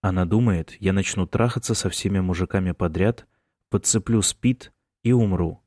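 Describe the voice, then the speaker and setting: A man voicing a sullen, irritable young man who talks gruffly through clenched teeth. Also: low voice, moderate pace, warm tone, no echo, studio quality. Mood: irritated, sullen.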